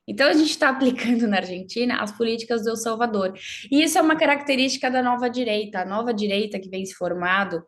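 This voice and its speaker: A woman from Brazil speaks in her voice. She is a guest in an interview and lays out her points fluently and emphatically, with confidence. Her voice sits a little high. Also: fast. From southern Brazil. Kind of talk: explanatory interview talk.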